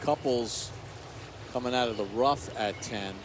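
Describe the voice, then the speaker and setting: A man's voice: mid-range voice, unhurried. A man delivers live golf commentary in a mid-range voice. He calls the play shot by shot, with plainly audible outdoor ambience behind him. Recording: clear outdoor ambient noise.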